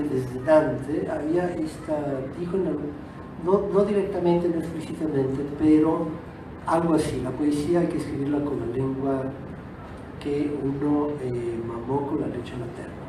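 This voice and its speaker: A man whose first language is Italian speaks at a moderate pace in a higher voice, giving an unscripted, reflective talk as a guest author at a book fair. He hesitates and rewords as he goes, and the auditorium recording sounds distant and echoey with a noisy background.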